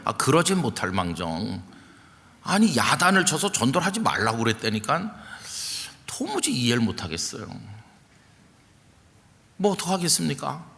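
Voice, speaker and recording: A senior pastor preaches a sermon as if telling stories in conversation, acting out the quotes he relays. His medium-pitched voice is gravelly, bright, forceful and very animated, moving at a moderate pace with frequent pauses, and a large hall gives it a long reverb.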